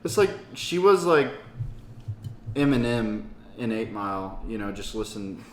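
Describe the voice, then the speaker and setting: A man's voice: on the low side, big pitch swings, a little slow. A young man in his twenties co-hosting a podcast, rambling and joking in casual chat with a hesitant manner. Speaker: podcast co-host. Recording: echoey room with faint noise.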